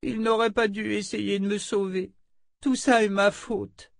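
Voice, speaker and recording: A man's voice: high voice, little pitch movement, unhurried, creaky, no echo, clean studio sound, pitched above the performer's own voice. A man voicing a tearful little girl. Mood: plaintive. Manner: tearful, plaintive. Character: little girl, grieving and clinging.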